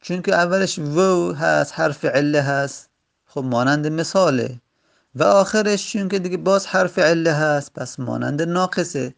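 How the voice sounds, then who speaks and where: A man teaching a grammar lesson, explaining each step methodically with short pauses. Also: a little high, vocal fry.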